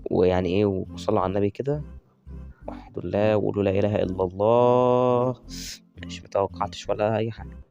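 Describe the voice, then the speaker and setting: Fast-talking Egyptian gamer. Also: male voice, lowish voice, gravelly, muffled recording, soft background music. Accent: Egyptian Arabic. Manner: excitable, chatty, cheers on players by nickname. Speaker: gaming YouTuber. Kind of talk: live gameplay commentary.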